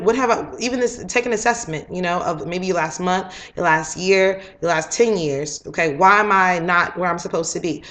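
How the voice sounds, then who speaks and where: A woman in her late twenties giving a casual spiritual astrology talk, often checking in with her listeners by asking "okay?". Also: on the low side. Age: late 20s. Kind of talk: casual spoken teaching monologue.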